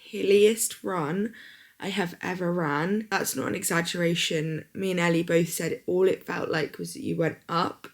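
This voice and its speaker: Chatty young mum vlogging at home. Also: female voice, fairly low pitch, fairly even intonation, normal speed. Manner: chatty and emotional, lots of fillers and asides. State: sore from a run. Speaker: vlogger, mother of twins. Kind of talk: casual vlog chat to camera.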